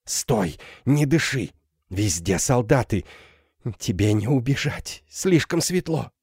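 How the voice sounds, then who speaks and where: Guy doing a frantic old hermit mom, wild and teary, pitched way up, mellow tone, dry sound. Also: big pitch swings, slow pace, husky, dry recording, exaggerated voice. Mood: urgent hush. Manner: wild, tearful, swinging between joy and terror. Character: frantic older woman, a half-mad recluse mother. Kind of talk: audiobook character voice.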